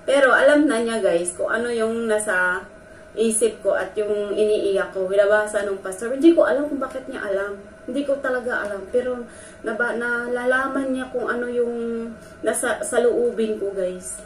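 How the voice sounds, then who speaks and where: A woman's voice: on the high side, normal speed. A woman vlogger telling a personal story, earnest and emotional, talking straight to her viewers. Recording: echoey room from a distance with faint noise.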